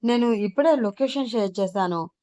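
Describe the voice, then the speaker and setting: A woman's voice: fairly high pitch, moderate pace, mellow, lo-fi sound, close to an everyday voice. A woman storyteller voicing a helpful young man on the phone, explaining things matter-of-factly. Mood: concerned.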